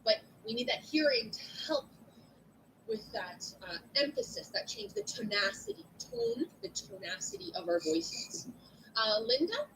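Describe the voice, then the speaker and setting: Lively high-voiced woman teaching. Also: unhurried, a little hiss or hum, rough recording. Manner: animated, acts out client scenes. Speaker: instructor. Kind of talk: classroom lecture.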